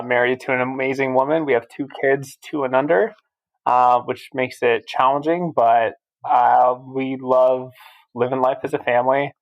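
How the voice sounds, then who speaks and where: A man in his thirties from Albania, guesting on a podcast, describes his life in a casual interview chat. He speaks steadily at a middling pitch with level intonation and some vocal fry, and the sound is lo-fi.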